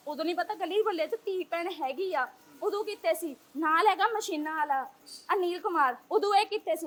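Agitated young Punjabi woman, Punjabi accent, rapid speech, outdoor interview. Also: extremely high pitch, fairly bright tone. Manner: agitated, insistent, rapid rhetorical questions. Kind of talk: heated street interview.

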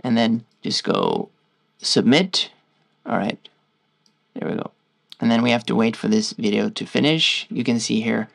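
A man with a Norwegian accent, casually walking viewers through a software tutorial in a loose, stop-start way. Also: medium pitch, sing-song, unhurried, vocal fry, long pauses. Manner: loose, stop-start explaining while clicking through screens. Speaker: tutorial host.

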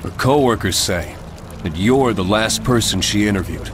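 An actor playing a firm, serious police detective in a video game, matter-of-fact in manner. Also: male voice, fairly low pitch, animated, normal speed, background noise, natural voice. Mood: stern. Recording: loud music behind. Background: loud game music.

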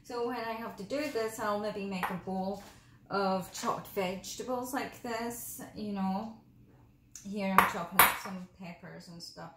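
A woman's voice: medium pitch, unhurried, fairly bright tone. Rambling woman in an echoey kitchen. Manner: rambling, chatty, full of asides; talks carefully through mouth pain. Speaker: vlogger cooking at home. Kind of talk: casual cooking vlog chat. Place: home kitchen. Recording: echoey kitchen with background noise.

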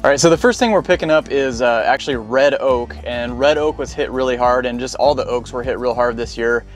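A foraging vlogger, American and in his thirties, explains things in casual vlog talk over faint background music. He speaks briskly at medium pitch through a clip-on wireless lapel mic.

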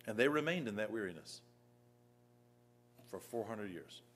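A man preaching a sermon in a church, reading scripture emphatically and then dropping to a soft, low voice. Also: animated, unhurried, slight background noise. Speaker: pastor.

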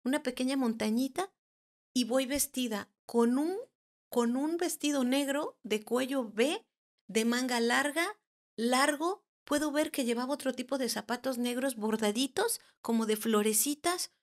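A woman around forty, a therapist and podcast guest, recounting a personal paranormal experience in a halting way, often restarting and searching for words. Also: sits high.

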